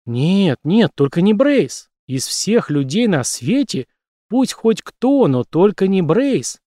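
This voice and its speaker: An angry, defiant young woman snaps and swears at a man who has crept up on her, voiced by a male reader. Her lines sit high, with lively, jumping pitch. The read is dry and close, storybook style. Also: slow pace, no echo, full character voice. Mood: desperate. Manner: sharp, scolding, swearing. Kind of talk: audiobook character reading.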